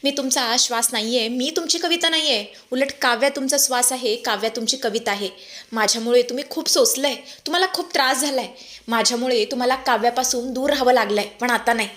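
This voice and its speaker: Woman reading as a stubborn young wife, firm and pleading, slightly high. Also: a little fast, a bit bright, lightly acted. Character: proud young wife determined to leave.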